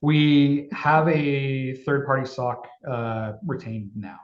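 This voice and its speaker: A man speaking at an ordinary middle pitch, answering panel questions in a candid, halting way. His voice comes through a video call with a roomy echo and dull, muffled audio. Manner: candid, halting, searching for words. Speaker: municipal IT panelist.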